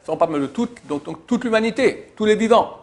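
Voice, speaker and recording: In a religious lesson, a rabbi reads a prayer's Hebrew phrases one at a time and renders each in plain language, emphasizing the important words. He speaks fairly quickly in a high-pitched, expressive voice with a darkish tone.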